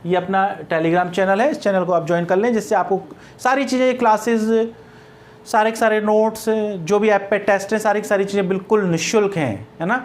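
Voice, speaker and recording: A man's voice: high-pitched, fairly even intonation, a little fast. A male English grammar teacher explaining step by step, mixing English terms into Hindi and answering his own questions. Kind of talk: Hindi-language grammar lesson.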